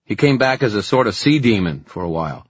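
A man's voice: on the low side, very animated, brisk, breathy edge, no echo, dull audio, voice pushed up. A man voicing a blunt, literal-minded teenage boy in an audiobook, matter-of-fact.

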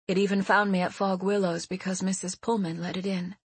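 A woman reading as a frightened, earnest young woman who talks quickly and anxiously. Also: mid-range voice, little pitch movement, slightly rough, no room sound. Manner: anxious, tumbling out words.

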